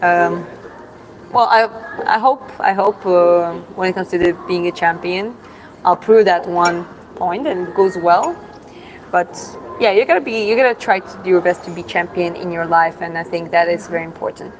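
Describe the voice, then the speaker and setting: A young Georgian woman with a Georgian accent hosts a livestream, chatting casually as she reads and answers comments, her speech full of fillers and restarts. Her voice is fairly low and moves at a moderate pace. The recording is low in quality, with slight background noise.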